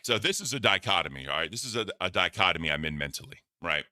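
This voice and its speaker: A man's voice: low-pitched, lively intonation, quick pace, dry recording, clean studio sound. A man with a Southern US accent chatting on a livestream, rambling, profane and groggy from the heat. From American South. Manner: rambling, profane, loud outbursts. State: groggy, overheated. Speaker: livestream co-host. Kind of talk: casual livestream chat.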